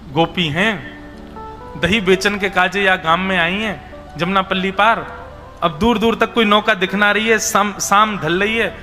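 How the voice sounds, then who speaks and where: A man's voice: extremely high pitch, exaggerated voice. A man voicing anxious young village milkmaids who plead and call out, with a Braj accent. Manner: pleading, calling out loudly. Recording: reverberant hall with music behind.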